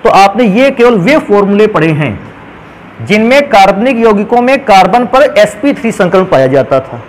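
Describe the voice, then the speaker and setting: A man's voice: high voice, big pitch swings, moderate pace, slight background noise, poor audio. A man teaching a chemistry lesson step by step, calling his students "beta" as he works through examples. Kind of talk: whiteboard lesson.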